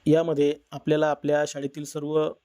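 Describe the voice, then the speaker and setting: A man narrating a step-by-step software tutorial in a plain instructional manner. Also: on the high side, monotone, a little fast, dry recording. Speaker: tutorial presenter. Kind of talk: screen-recorded software tutorial.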